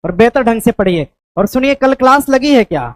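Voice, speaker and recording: A woman's voice: fairly high pitch, expressive, a little fast, rough recording. A woman teaching an exam coaching class, quizzing her students with questions and frequent checks that they follow. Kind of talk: classroom quiz review.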